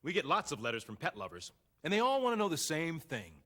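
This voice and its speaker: A man's voice: a little high, huge pitch swings, quick pace, pushed and bright. A man hosting and narrating a TV show in a scripted, playful, wry way. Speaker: host.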